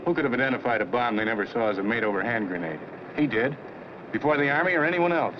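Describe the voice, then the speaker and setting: A man's voice: medium pitch, animated, quick pace, close to an everyday voice. An actor playing an earnest, suspicious man in a 1940s film, with an insistent, clipped way of talking. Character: suspicious, earnest American man on a European train. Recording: muffled, noisy old film soundtrack.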